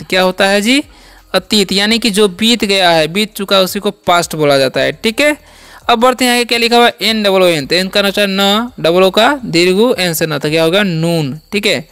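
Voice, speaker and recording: A man's voice: sits high, a bit bright, clear, resonant tone, no echo. A man hosting a Hindi-medium English vocabulary lesson, repeating each word's sound and meaning in a question-and-answer teaching manner. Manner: repetitive call-and-answer teaching, asks and answers own questions. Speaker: English teacher and channel host.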